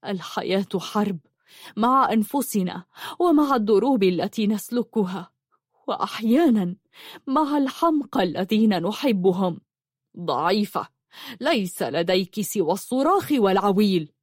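A woman's voice: medium pitch, animated, moderate pace, dry recording, clean studio sound, natural voice. Scornful harsh husband, read by a woman. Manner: contemptuous, cutting. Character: scornful harsh husband and father, adult man.

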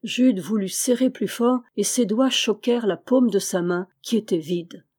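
Mellow-voiced woman reading a novel. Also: mid-range voice, normal speed. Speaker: audiobook reader. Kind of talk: scripted narration.

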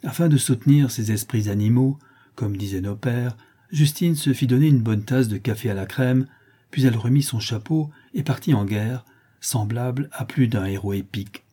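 A man narrating a classic novel aloud in a measured, even storytelling manner. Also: mid-range voice, breathy edge. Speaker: audiobook narrator. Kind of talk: scripted literary narration.

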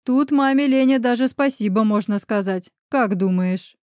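A woman's voice: fairly high pitch, normal speed, a little mellow, clear, resonant tone, no echo, studio quality, close to an everyday voice. A woman voicing a brash, sarcastic male lawyer friend in an audiobook. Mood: friendly. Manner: mocking, ironic.

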